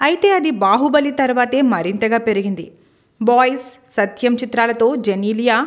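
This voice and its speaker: A woman narrating a scripted entertainment news voice-over in an even, formal read-out manner. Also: high-pitched.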